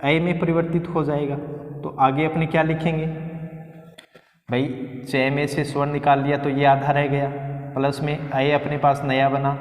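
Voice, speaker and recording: A man's voice: fairly high pitch, flat delivery, normal speed. A man teaching a Hindi grammar lesson to exam students, explaining step by step and asking questions that he answers himself. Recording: echoey room with long reverb.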